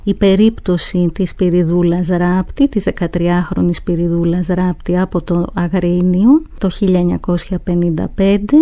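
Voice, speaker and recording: A woman explaining historical events in a measured way, with occasional hesitant fillers. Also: fairly low pitch, level tone, dark tone, no room sound. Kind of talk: explanatory talk.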